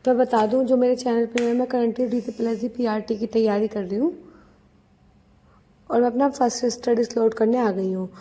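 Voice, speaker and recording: A woman's voice: on the high side, steady tone, moderate pace, dark tone. A young woman from India talking earnestly and casually to her viewers in a study vlog, with many fillers and restarts. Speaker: vlogger studying for a teaching exam.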